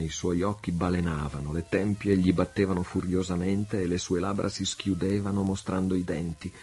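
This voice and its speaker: A man reading an adventure novel aloud in a measured, dramatic way. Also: sits low, darkish tone, husky. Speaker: audiobook reader. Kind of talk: literary reading.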